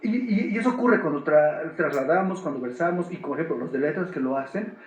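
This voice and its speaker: Male director, fairly high voice, searching explainer, reverberant room. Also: animated, a little fast, slight background noise. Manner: thoughtful, restarts often while explaining. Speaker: theater director and adapter. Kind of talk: explaining in a talk. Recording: echoey room.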